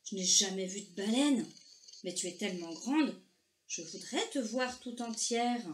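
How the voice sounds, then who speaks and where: A woman voicing a tiny, curious and brave little silver fish boy in a storybook reading, high and chirpy. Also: a little slow, reverberant, slight background noise, close to an everyday voice.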